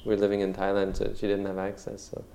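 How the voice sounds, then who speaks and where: A male meditation teacher answers questions in a calm, measured dharma-talk manner. His voice is low and gravelly, with a dark, mellow tone and very little rise and fall. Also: a little hiss or hum. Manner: calm, measured, frequent "you know".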